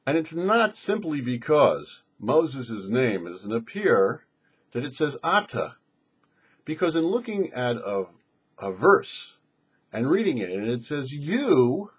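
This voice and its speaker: A rabbi who hosts a show teaches on a Torah portion in a didactic, emphatic style. His medium-pitched voice is very animated yet slow and slightly rough, and the recording sounds dull and lo-fi.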